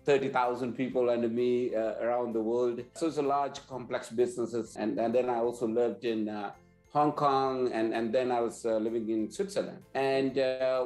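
Heard through a video call webcam, this Sri Lankan man in his forties speaks with a medium-pitched, darkish, reverberant voice. He's an earnest business leader being interviewed in an indoor office against a plain wall, frequently restarting and repeating words.

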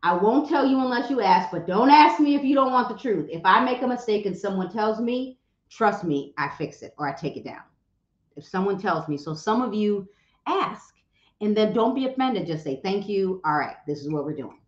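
Direct, animated woman speaker in a roomy space. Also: mid-range voice, moderate pace. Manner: animated, direct, teasing, acts out quoted voices. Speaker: real estate broker giving social media advice. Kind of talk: motivational talk to an audience. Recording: roomy, slightly dull sound.

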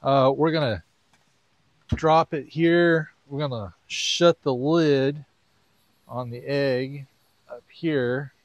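A man's voice: mid-range voice, slow pace, long pauses, no room sound, dull audio. A man giving casual step-by-step grilling tips outdoors at a backyard grill, in an easygoing, chatty way. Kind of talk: casual how-to cooking vlog.

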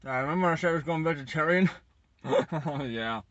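A man's voice: fairly high pitch, a little fast, a bit bright, no room sound, highs cut off. Young man talking while chewing. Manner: laid-back, crude, self-mocking. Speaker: food reviewer. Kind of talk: casual car food review. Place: inside a parked car.

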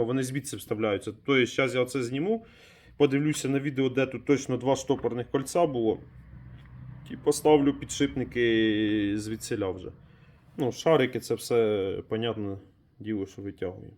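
A man's voice: mid-range voice, darkish tone, slight background noise. A man talks his way through a repair in his workshop in a loose, unscripted way. He trails off mid-thought and picks the sentence up again, and keeps calling his viewers friends. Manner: thinks aloud while working, trailing off and restarting. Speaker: DIY mechanic vlogger. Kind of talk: casual hands-on repair commentary.

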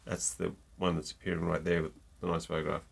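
The delivery is flat, fast and creaky in a low voice. A middle-aged man with a cold-stuffed nose, he reviews gin in a casual, jokey chat to camera laced with ums, positioned near a desk mic in a home room lined with bottles.

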